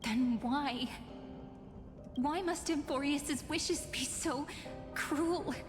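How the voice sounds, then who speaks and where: An actress playing an earnest, sorrowful young heroine in a fantasy video game. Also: female voice, high voice, very slow. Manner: earnest, lamenting. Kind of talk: scripted video game dialogue. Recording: long hall reverb, music behind.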